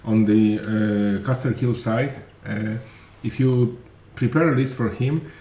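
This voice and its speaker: A man's voice: on the low side, dark tone. Chatty Polish-accented man, echoey room. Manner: chatty, jumps in with quick agreements. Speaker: podcast host. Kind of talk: casual discussion. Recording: echoey room with faint noise.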